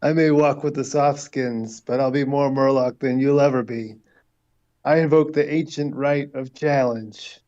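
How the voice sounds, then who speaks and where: A man's voice: mid-range voice, steady tone, measured pace, darkish tone, natural voice. A man voicing a proud, defiant male adventurer, speaking in solemn declarations as a player in a tabletop game. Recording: dull lo-fi audio.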